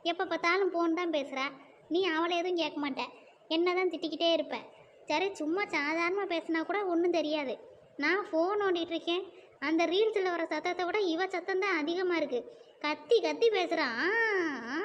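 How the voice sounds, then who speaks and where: A cheeky cartoon little sister talks back with mocking, defiant jabs in a very high voice, voiced by a woman. The sound is slightly dull and lo-fi, with a faint hiss behind it. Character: cheeky sharp-tongued younger sister. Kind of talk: cartoon voice acting.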